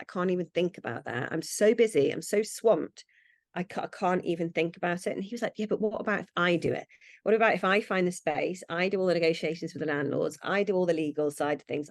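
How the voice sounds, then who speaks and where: A woman's voice: fairly low pitch, no echo, clean studio sound. A woman, a brand founder, chatting in an interview and acting out her own past thoughts. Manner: chatty, acts out quoted thoughts. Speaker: brand founder, podcast guest. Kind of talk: casual interview chat.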